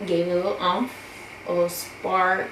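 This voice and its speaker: A woman's voice: on the low side, little pitch movement, normal speed, a bit bright. A young woman vlogger, rambling casually and joking about herself as she does her makeup. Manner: chatty, self-deprecating, rambling with many fillers. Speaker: beauty vlogger. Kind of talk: casual get-ready-with-me chat. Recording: echoey room with background noise.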